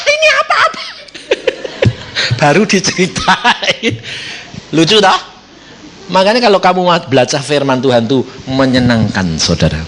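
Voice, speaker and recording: Guy preaching, high voice jumping all over, acts out the story, bit of hiss behind. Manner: animated storytelling, acting out voices with laughter. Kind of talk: sermon.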